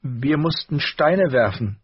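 A man voicing a stubborn, tearful young girl in an audiobook, speaking in a high, strained, husky voice with rushed outbursts. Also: dry recording, muffled recording. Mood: ashamed. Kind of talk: audiobook character voice.

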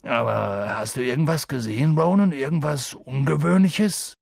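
A man reading as a gruff giant gamekeeper, wary and short-tempered, his voice gravelly and husky. The reading is close and dry, with no room around it. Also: mid-range voice, moderate pace, no room sound, pitched above the performer's own voice. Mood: impatient. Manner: grumbling, then loud and pressing. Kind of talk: audiobook character voice.

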